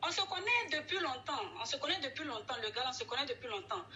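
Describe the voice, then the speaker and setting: A woman's voice: sits high, lively intonation, fast talker, bright, forceful tone. A woman calling in to a live stream, insistent and half laughing as she corrects the coach. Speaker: caller asking for advice.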